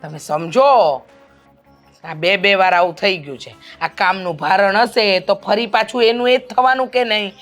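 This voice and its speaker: A woman playing a pushy middle-aged mother-in-law who wants a grandson, talking loudly and insistently in a family drama. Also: mid-range voice, normal speed, soft background music, natural voice. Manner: loud, insistent, scolding. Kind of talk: amateur family drama acting.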